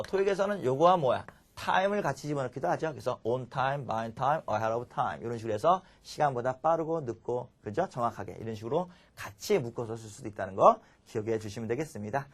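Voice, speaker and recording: A man teaching an English vocabulary lecture, drilling listeners with call-and-response repetition. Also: mid-range voice.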